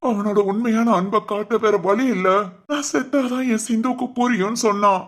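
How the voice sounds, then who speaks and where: A woman voicing a worried middle-aged father in a Tamil cartoon drama, speaking gently and explaining. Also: a little high, fairly even intonation, a little fast, slight background noise, close to an everyday voice.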